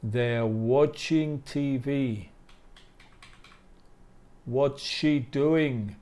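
A man teaching English in Spanish in a live online class, explaining slowly and patiently and repeating model phrases. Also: medium pitch, warm tone.

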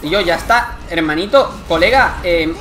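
A young man from Spain with a Spanish accent, commenting live on his gameplay, excitable and swearing often in frustrated outbursts. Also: sits high, moderate pace. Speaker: gaming youtuber.

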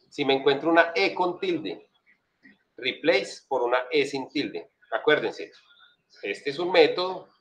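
A man's voice: a little high, fairly bright tone. A man with a Colombian accent giving a casual, chatty programming lesson, walking through his code with plenty of slang and repeated check-in questions to his students. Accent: Colombian Spanish. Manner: chatty, slangy, asks "right?" often. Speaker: programming instructor. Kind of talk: casual screen-share coding lesson.

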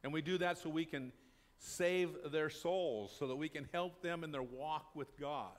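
Slightly slow and on the high side, the voice comes from an older pastor preaching in a small church sanctuary. He addresses the congregation in a conversational way, answering his own questions.

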